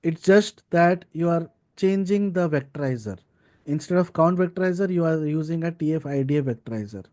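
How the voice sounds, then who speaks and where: Teaching a relaxed live coding session, a male data science instructor explains things one step at a time, dropping in short check-ins such as "okay" and "right." He has a warm, fairly high-pitched voice.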